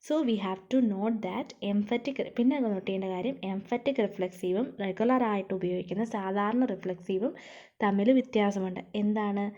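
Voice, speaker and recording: A woman English teacher with a Malayali accent, explaining grammar rules in a lecture. She dictates English slowly and then explains quickly, repeating key phrases with strong emphasis. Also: mid-range voice, warm tone, lo-fi sound. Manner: switches between slow dictated English and rapid Malayalam explanation.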